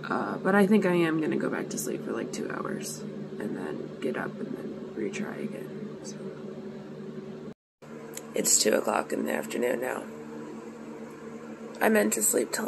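A woman's voice: rumbling low, very animated, measured pace, gravelly, pauses often, very noisy. A tired woman in her twenties chatting candidly to camera in a rambling, self-deprecating way, with some swearing, partly outdoors in the cold and partly at home. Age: 20s. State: sleepy and worn out. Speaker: vlogger. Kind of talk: casual vlog chat.

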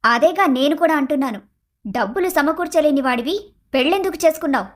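A woman voicing a shrill, demanding young wife. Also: animated, fast. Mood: complaining. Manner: complaining, shouting, taunting. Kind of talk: animated cartoon story voice acting.

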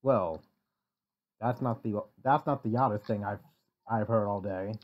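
A young adult in their early twenties, a podcast guest, chatting casually and teasing the others with quick comebacks. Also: mid-range voice. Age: 20s. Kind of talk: casual group chat. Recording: dull lo-fi mic.

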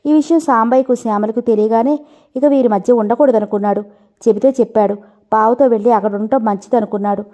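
Mellow-voiced woman reading a novel aloud. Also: fairly high pitch, steady tone, fast, muffled recording. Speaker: audiobook narrator. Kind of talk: scripted audiobook narration.

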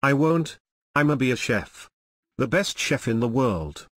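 A man's voice: medium pitch, animated, measured pace, fairly bright tone, no echo. A man giving crude, brash comedic commentary while playing a video game. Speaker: gameplay commentator.

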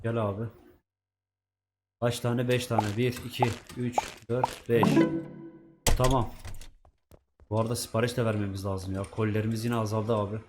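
A man's voice: on the low side, flat delivery, normal speed, pauses often, music in the background. A man giving casual let's-play commentary, chatting to himself and swearing at the game's characters. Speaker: gaming YouTuber.

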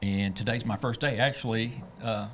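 A man's voice: on the low side, fairly even intonation, moderate pace, fairly bright tone, a little hiss or hum. Easygoing man in his sixties. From Atlanta, Georgia. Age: 60s. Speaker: new senior center member. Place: large community room indoors. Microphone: handheld mic.

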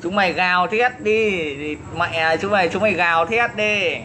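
A man's voice: high voice, normal speed, pushed and bright, slight background noise. A man ranting at his critics in a taunting, profane way, laughing at them as he insults them. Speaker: online commentator. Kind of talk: taunting profane rant to camera.

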